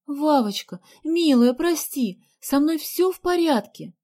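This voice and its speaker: A woman voicing an eager, warm-hearted young girl in an audiobook. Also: sits high, animated, moderate pace, pitched above the performer's own voice. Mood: pleading.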